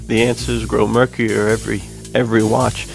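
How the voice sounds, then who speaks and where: A podcast co-host chats casually about films in a relaxed, jokey way, full of informal slang. His fairly low, creaky voice barely moves in pitch and keeps a moderate pace, heard over music on poor-quality audio.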